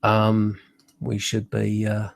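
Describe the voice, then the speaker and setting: Speaking slowly in a lowish monotone with vocal fry, this middle-aged man has a cold and sounds snuffly. He's a photography tutor giving a live online workshop critique through a computer webcam in a small room with no echo, chatty yet hesitant, with many uhs and false starts.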